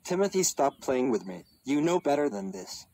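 A man's voice: medium pitch, big pitch swings, normal speed, dark tone, no room sound, rough recording. A man voicing a stern father in a cartoon, scolding his son. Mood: angry. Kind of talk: cartoon voice acting.

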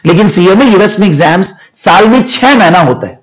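A man explaining to students, moving between Hindi and English phrases in a steady teaching tone. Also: sits high, a little fast. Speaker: education academy founder and teacher.

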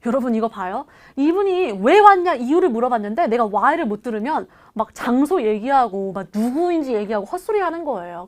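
A woman teaching a language lesson in a lively, coaxing way, repeating phrases for learners to follow. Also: sits high. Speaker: English teacher. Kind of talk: video lesson.

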